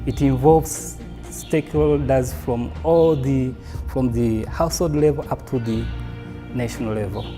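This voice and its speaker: A woman speaks deliberately in an interview in a very low, mellow voice. Faint music plays underneath. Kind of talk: interview answers.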